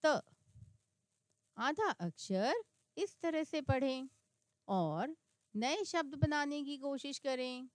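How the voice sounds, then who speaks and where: Slow, lively-voiced woman teacher. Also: sits high, no echo. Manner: slow and clear, sounding out words one by one. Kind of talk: reading lesson for children.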